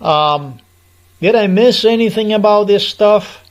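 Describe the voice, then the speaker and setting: A man's voice: high-pitched, unhurried. A middle-aged man from Slovenia, delivering an aggrieved, repetitive personal monologue in English as a vlogger.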